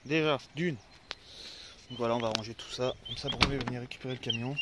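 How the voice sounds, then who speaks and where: A man vlogging casually to his viewers outdoors, excitable, swearing often and talking to his dogs. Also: mid-range voice, fast. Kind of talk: casual vlog talk to viewers. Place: outdoors by a road, then at a van with dogs. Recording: noisy outdoor vlog recording.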